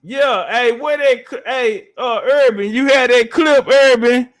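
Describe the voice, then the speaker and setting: High-pitched man, slow and combative. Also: fairly bright tone. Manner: confrontational, taunting, slangy. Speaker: live-stream panel host. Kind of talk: combative live debate.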